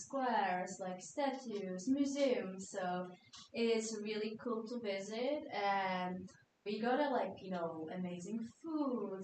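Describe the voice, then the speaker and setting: Young Czech woman in an echoey room. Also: mid-range voice. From Czech Republic. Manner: friendly, relaxed, with frequent "like" fillers and light laughs. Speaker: guest. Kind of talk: casual interview in English. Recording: roomy, distant mic, faint hiss.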